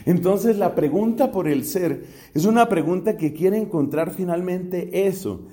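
A man's voice: high voice, measured pace, warm tone. A man from Colombia, a Dominican friar, lecturing on philosophy in an emphatic way and repeating key questions to drive them home.

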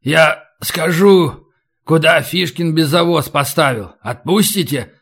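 Man doing a terrified bandit, pleading, panicky, high, shouting, audiobook. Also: slow, creaky, husky, exaggerated voice. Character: terrified young male bandit begging for life.

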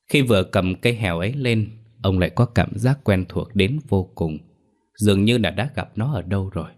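A man reading a horror story aloud as a storyteller, in a measured, slow manner. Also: low voice. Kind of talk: scripted horror story narration.

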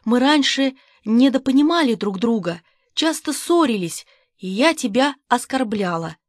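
A woman's voice: fairly high pitch, lively intonation, a little slow, no room sound, studio quality. A woman voicing a sugary, falsely tender young woman in an audiobook.

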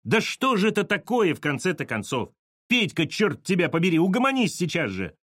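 A man's voice: a little high, big pitch swings, moderate pace, no room sound, clean studio sound, pitched above the performer's own voice. A man voicing an exasperated young woman who scolds and gives orders. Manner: scolding, exclamatory.

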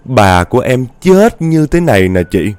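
A man's voice: mid-range voice, sing-song, moderate pace, darkish tone, smooth, no room sound, natural voice. Man voicing an eerie ghost girl.

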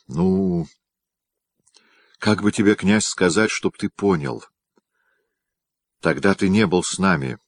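Man reading as a hushed, worried conspirator boyar. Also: deep voice, dry recording. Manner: hushed, measured.

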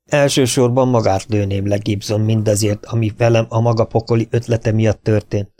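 A man voicing a quiet, dangerous young gunman who speaks hoarsely, almost in a whisper. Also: lowish voice, fairly even intonation, no echo, close to an everyday voice. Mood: cold, quiet. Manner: hushed, hoarse, nearly whispering.

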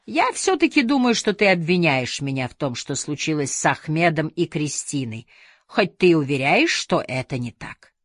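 A woman voicing a secretive, cruel old madam with a grating, gravelly voice and a mocking, reproachful manner. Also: low voice, sing-song, moderate pace, no room sound, studio quality.

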